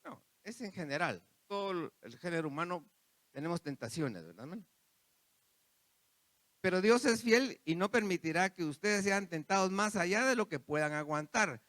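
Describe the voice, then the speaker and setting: A man's voice: high-pitched, lively intonation, normal speed, fairly bright tone, no echo. A man preaching a sermon, repeating phrases and turning to the congregation with asides. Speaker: pastor.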